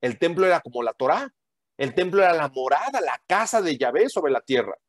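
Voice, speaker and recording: A man's voice: a little high, expressive, a little fast, no echo, studio quality. A man giving a teaching sermon to a group, emphatic and full of rhetorical questions and tag questions.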